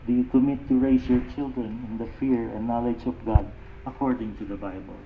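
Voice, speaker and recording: A man's voice: medium pitch, fairly even intonation. Echoey male officiant leading wedding vows. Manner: formal, deliberate phrasing. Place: wedding ceremony, over a sound system. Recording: echoey, thin phone-like sound, faint noise.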